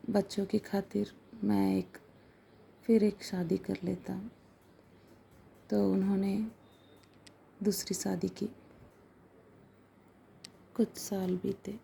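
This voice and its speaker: A woman telling a moral story in a soft, half-whispered, casual way to her listeners. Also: mid-range voice, gravelly, slight background noise.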